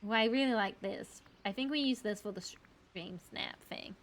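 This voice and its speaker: With music playing behind her, a VTuber from Australia chats casually on livestream while she plays a game. She speaks at a normal speed in a mid-range voice.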